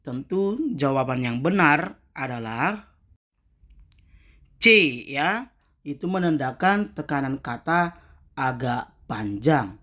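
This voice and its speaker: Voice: medium pitch, lively intonation, fairly bright tone. A teacher reading out quiz questions and answer choices one by one, then explaining each answer, often tagging "ya" after it. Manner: slow, deliberate reading of answer options, tag "ya" after answers.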